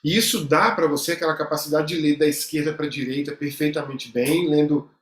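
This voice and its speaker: A man's voice: a little high, steady tone, fairly quick, echoey room. A Brazilian man teaching an online class, speaking conversationally with many fillers and repeated words. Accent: Brazilian Portuguese. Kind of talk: online lecture with screen drawing.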